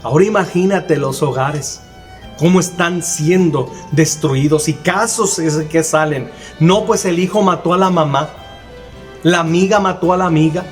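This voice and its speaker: A man preaching a sermon, earnestly telling a personal testimony and repeating phrases for emphasis. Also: sits high. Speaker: minister.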